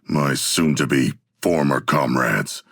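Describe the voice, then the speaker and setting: A man voicing King Shark, a hulking, proud, literal-minded shark-man in a video game, with a deep gravelly voice and stilted, grandiose formal diction. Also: slow, a bit bright, dry recording, studio quality, heavily acted. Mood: resolute. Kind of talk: video game character voice lines.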